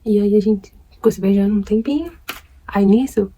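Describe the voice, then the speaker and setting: Chatty Brazilian woman vlogger, mellow husky voice. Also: medium pitch, moderate pace, low-quality recording. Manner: chatty, gossipy, animated retelling. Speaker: beauty vlogger. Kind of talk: casual storytelling while doing makeup.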